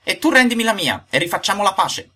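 Man doing a storybook old woodcarver, shrill, high-pitched, loud, hot-tempered, jumpy voice. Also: sing-song, breathy edge, heavily acted. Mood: indignant. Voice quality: shrill, shouting. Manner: high squeaky outbursts, quick to anger.

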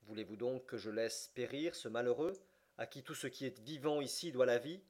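A man reading an audiobook, voicing a calm, resolute English gentleman who speaks in measured, curt sentences. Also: mid-range voice, close to an everyday voice. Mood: firm.

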